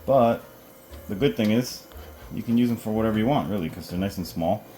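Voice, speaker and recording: A man's voice: on the low side, brisk, warm tone, a little hiss or hum. A man casually chatting through a home cooking demo in his kitchen, rambling and correcting himself with lots of fillers.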